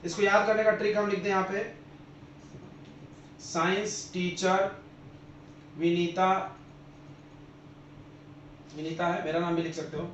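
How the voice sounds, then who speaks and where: A man's voice: high-pitched, flat delivery, unhurried, long pauses, a little hiss or hum. Man, chemistry teacher, classroom lecture, repeats questions to students, dull lo-fi sound. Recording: roomy, dull lo-fi classroom recording.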